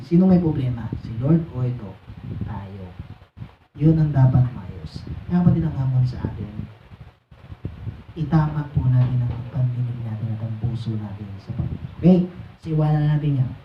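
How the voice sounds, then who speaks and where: Thin-voiced preacher in an echoey hall. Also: male voice, lively intonation, normal speed, noisy background. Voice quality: high, thin voice. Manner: exhorting, mixing English phrases, many "ano" fillers. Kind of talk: sermon. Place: church hall. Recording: echoey, distant and dull room recording.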